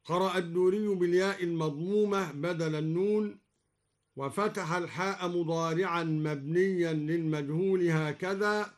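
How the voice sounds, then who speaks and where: A man who is a Quran scholar, explaining recitation variants on radio and chanting each example slowly and carefully. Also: sits high, fairly even intonation. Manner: explains, then chants slow measured examples.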